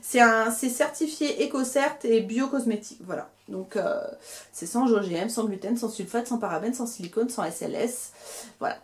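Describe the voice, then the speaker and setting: A woman's voice: a little high, moderate pace. A young woman chatting casually through a beauty haul, talking with lots of fillers and restarts as she shows and reviews products. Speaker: beauty vlogger.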